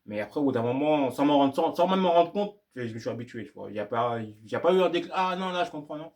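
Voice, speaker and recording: Rambling and repeating himself, a young man in a casual vlog shares advice on learning English, speaking slangy French. His mid-range voice is animated and darkish in tone, and he talks fast.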